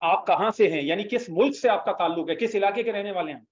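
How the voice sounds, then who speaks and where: A man's voice: sits high, fast talker, a little hiss or hum. A man teaching an Arabic class, patiently explaining and prompting students to repeat after him. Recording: echoey room, slightly dull sound.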